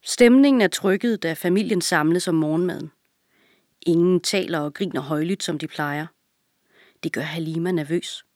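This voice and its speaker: A woman narrating a children's audiobook in a calm, even storytelling manner. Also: fairly low pitch, dry recording, clean studio sound.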